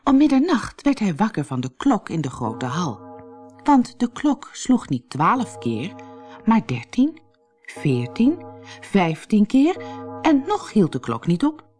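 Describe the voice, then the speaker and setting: A woman narrating a children's fairy tale audiobook in a lively, expressive way. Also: medium pitch, takes it slowly, soft background music. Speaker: storyteller.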